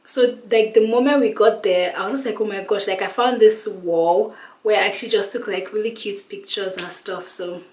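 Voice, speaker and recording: A woman's voice: medium pitch, moderate pace, darkish tone, roomy sound, a little hiss or hum. A young woman vlogging casually at home, rambling and chatty with lots of "like". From Nigeria. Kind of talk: casual vlog talk to camera. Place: at home, indoors.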